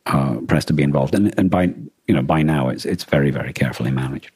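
A man with a very low, noticeably rough-edged, slightly mellow voice talks fast as a podcast co-host, casually discussing a radio drama and war. He feels his way through his thoughts, often rephrasing mid-sentence, and the recording is close and dry, with no echo.

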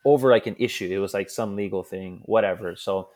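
A man from Hawaii with a lowish voice talks as a podcast guest in a relaxed, conversational way. He is earnest and loose, and he slips into quick little voices for the people he quotes. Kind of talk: casual conversational storytelling.

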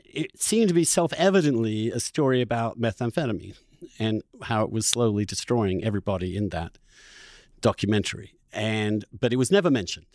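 A male podcast host talks discursively and emphatically in an animated interview, building his points through repeated phrases. His voice sits on the low side and moves briskly, with clean studio sound and no room sound.

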